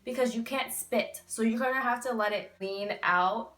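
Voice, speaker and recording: A woman's voice: fairly high pitch, moderate pace, a bit bright. A woman in her twenties chatting casually to camera, explaining things with candid, emphatic asides. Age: 20s. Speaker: vlogger giving recovery advice. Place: small bedroom, indoors. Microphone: camera a few feet away. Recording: echoey room, distant microphone.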